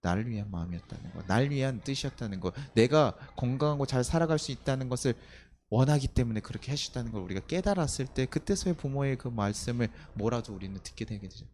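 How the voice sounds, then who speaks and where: Male pastor, mid-pitched, animated preaching full of rhetorical questions, faint ambience behind. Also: fast, a little hiss or hum. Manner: animated, many rhetorical questions, acts out quoted speech. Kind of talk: sermon. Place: church sanctuary.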